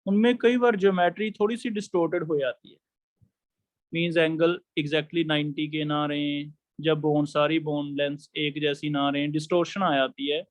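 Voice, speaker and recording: High-voiced male chemistry teacher. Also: fairly even intonation, moderate pace, no room sound. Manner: explains step by step, asks students questions. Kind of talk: classroom lecture.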